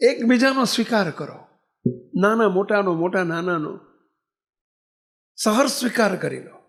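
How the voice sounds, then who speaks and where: An older swami preaches in a high, gravelly voice. He tells his story to a temple congregation. He keeps asking them rhetorical questions. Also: expressive, measured pace. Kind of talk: Gujarati religious discourse. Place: temple assembly hall.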